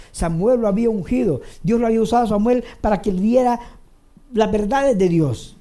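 Animated, mellow-voiced preacher. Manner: repeats phrases for emphasis; swings between raised emphatic lines and low quiet asides. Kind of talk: sermon.

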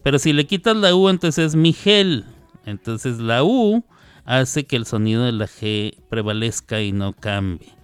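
A man's voice: medium pitch, expressive, measured pace, clean tone, no room sound. A Mexican man in his fifties hosting a radio show, rambling and playful in casual chat, correcting himself as he goes. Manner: chatty, digressive, playful, self-correcting. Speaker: radio host. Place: radio studio.

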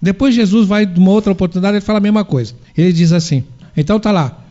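A man's voice: high voice, racing, mellow. A man giving a spiritual sermon, posing rhetorical questions and answering them himself. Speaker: spiritual lecturer. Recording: dull lo-fi recording.

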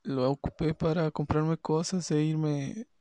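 A man's voice: on the high side, fairly even intonation, warm tone, no room sound, natural voice. A man voicing a rebellious teenage son who talks back dismissively. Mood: defiant. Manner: defiant, dismissive, quick.

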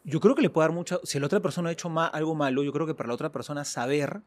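A man's voice: on the high side, very fast. A man, a priest, talking in a casual chat, acting out little dialogues in other voices and laughing often.

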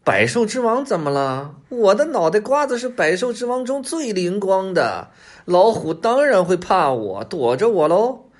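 A shrill boastful fox. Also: male voice, big pitch swings, moderate pace. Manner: high squeaky bragging voice. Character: boastful sly male fox, shrill and cocky.

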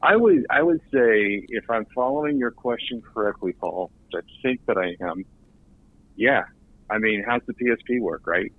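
A man's voice: fairly low pitch, normal speed, dry recording. A man, a guest on a podcast interview, talking in an earnest way and often repeating words as he restarts. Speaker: recruiting director guest. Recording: tinny phone line.

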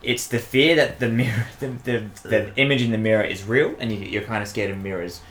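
Bright-voiced man. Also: fairly low pitch, fairly quick. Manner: rambling, laughs often, restarts. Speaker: podcast host. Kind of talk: casual chat, presenting a quiz.

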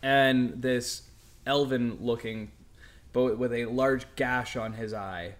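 A man's voice: mid-range voice, steady tone, slow pace. Man narrating as game master. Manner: vivid descriptive narration, chuckling at times.

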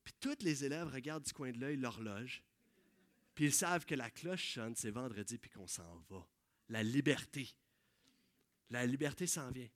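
A man with a Quebec French accent preaching a sermon, swinging from loud exclamations to hushed, soft passages. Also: medium pitch, lively intonation, normal speed, no room sound.

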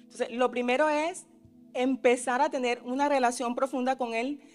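With faint music behind her, a woman delivers a sermon in a high voice with fairly even intonation at normal speed. She repeatedly asks her listeners questions, adds tag questions, and acts out the disciples' cries, each rising in force.

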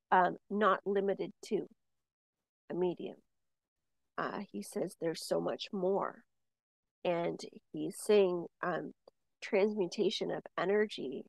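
Woman, low voice, gravelly, casual spiritual podcast talk, many fillers, dry recording. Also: no room sound. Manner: rambling with many fillers and restarts, lively when telling stories. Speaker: medium, podcast co-host. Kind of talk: casual spiritual chat, relaying messages.

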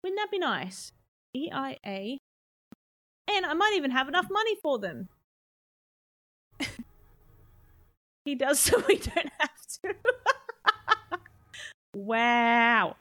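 A woman's voice: sits high, very animated, takes it slowly, long pauses, fairly bright tone. A woman casually chatting while live-streaming a game, laughing often and answering her chat. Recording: music playing behind the voice.

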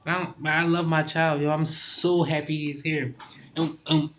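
Here is a young man in a loose, heartfelt conversation, his voice sitting a bit high for a man. His talk is full of informal slang and halting restarts as he works his way through each thought. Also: level tone. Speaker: guest.

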